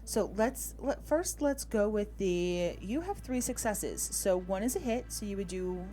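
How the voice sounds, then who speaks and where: Over background music, a woman game master in a tabletop roleplaying game casually works through rules, thinking aloud while checking rules and rolls. Her mid-range voice is mellow with lively intonation and a somewhat slow pace, and there is a little hiss or hum.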